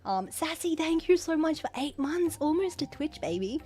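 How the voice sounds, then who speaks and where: A woman hosting a casual livestream, excitedly thanking viewers and stumbling over her words. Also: high-pitched, normal speed. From Australia. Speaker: livestream host.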